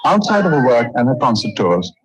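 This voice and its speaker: A man reading scripted documentary narration in a measured, even tone. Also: medium pitch, over music, poor audio.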